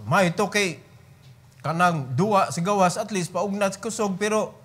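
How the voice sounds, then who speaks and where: A Cebuano-accented man preaches at a prayer meeting. His voice sits high and carries an emphatic pulpit push. He keeps turning to the room with a questioning amen. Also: normal speed, fairly bright tone. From Philippines. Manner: emphatic, often calls out "brethren" and asks "Amen?".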